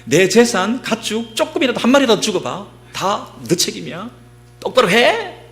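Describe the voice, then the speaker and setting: A man's voice: sing-song, normal speed, faint music behind, heavily acted. A man doing a furious grumbling Israelite. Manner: shouting accusations, high and strained. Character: angry grumbling Israelite man, demanding and hostile.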